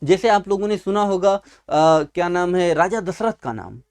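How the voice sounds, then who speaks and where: An animated male teacher with a high-pitched, darkish voice leads an exam-prep vocabulary lesson at a writing board in a class video, moving at a normal speed. He questions the class and supplies the answers himself, repeating key words and addressing students fondly.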